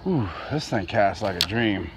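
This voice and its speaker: A man's voice: lowish voice, animated, unhurried, slight background noise. A man vlogging while night fishing outdoors, rambling casually about his gear and surroundings, sometimes talking to his dog. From Florida.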